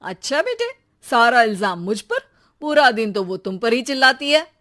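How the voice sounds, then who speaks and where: A woman's voice: on the high side, big pitch swings, moderate pace, fairly bright tone. A woman voicing an irritated office-working father, complaining dryly in a children's cartoon story. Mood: puzzled. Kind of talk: animated children's comedy story.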